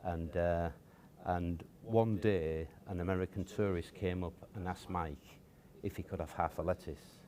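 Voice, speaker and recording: Guy, real low voice, lots of uhs and restarts, chatty storyteller. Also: fairly even intonation, measured pace, hardly any pauses, warm tone. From Cottingham, near Hull, England. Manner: hesitant, many fillers and restarts. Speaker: guest. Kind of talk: casual storytelling interview.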